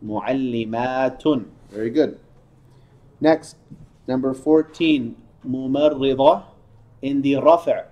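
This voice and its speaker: A man's voice: medium pitch, a little slow, pauses often, lo-fi sound. A man teaching a class, drilling words and patiently correcting and praising students. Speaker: Arabic teacher.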